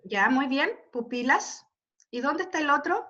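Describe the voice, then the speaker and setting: A woman teaches a class over a video call, her voice high and bright. She patiently works through each example and keeps checking that her students follow. The audio is dull and lo-fi. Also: lively intonation, unhurried. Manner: checks in constantly with tag questions. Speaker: literature teacher. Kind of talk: online class lecture.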